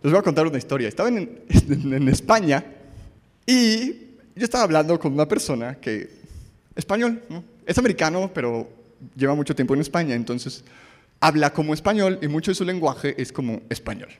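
A Mexican preacher with a Mexican Spanish accent delivers a casual, joking sermon packed with stories and questions to the audience. His voice is a little high, expressive and brisk, with the sound of a big room.

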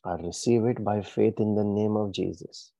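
A man leads a deliverance prayer in a low, mellow and rather flat voice, speaking in forceful commanding bursts. The recording is dry and muffled, with a dull lo-fi quality. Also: moderate pace, gravelly, dry recording. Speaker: prayer leader.

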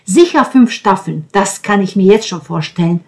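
Woman doing an overexcited middle-aged producer dad, loud, higher pitched, gushing; audiobook figure. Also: expressive, normal speed, lightly acted. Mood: boastful. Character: excited middle-aged male TV producer, doting father.

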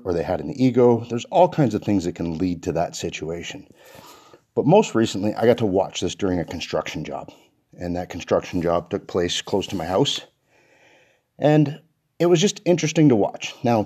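Male podcast host, low husky voice, a bit winded, earnest and reflective delivery. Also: dark tone. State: out of breath. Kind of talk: casual solo podcast talk.

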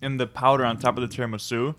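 A man's voice: mid-range voice, quick pace, dry recording. A man co-hosting a podcast in casual chat, telling stories animatedly and poking fun at himself. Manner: animated storyteller, self-mocking, laughs mid-sentence. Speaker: podcast co-host.

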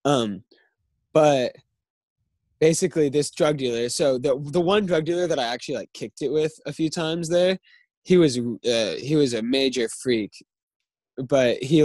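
Young male guest, mid-pitched voice, dry sound, rambles and leans on filler words. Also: no echo. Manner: rambling, heavy use of filler "like". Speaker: podcast guest. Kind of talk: casual podcast chat.

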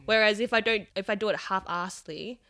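A woman's voice: medium pitch, fairly even intonation, fairly quick, sharp tone, no room sound. Young woman podcast guest, casual chat, dry close sound, laughs a lot. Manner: chatty, swears casually, laughs often.

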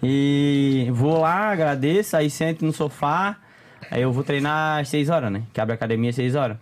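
A man's voice: fairly high pitch, normal speed. A young man, chatting casually as a podcast guest, full of slang and frequent laughter. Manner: slangy, laughs often, animated storytelling.

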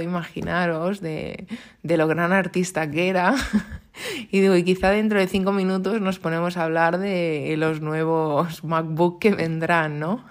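A young woman from Spain hosting a casual, unscripted podcast, rambling warmly and tagging sentences with little questions. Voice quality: low, gravelly voice. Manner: chatty, rambling, frequent "¿no?" tags and giggles. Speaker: podcast host and tech YouTuber.

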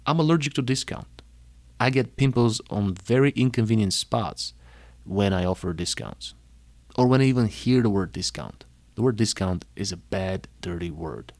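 Young Bulgarian-accented man, emphatic personal talk, lowish voice. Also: moderate pace. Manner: energetic, emphatic, lists words one by one. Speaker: speaker telling his life story.

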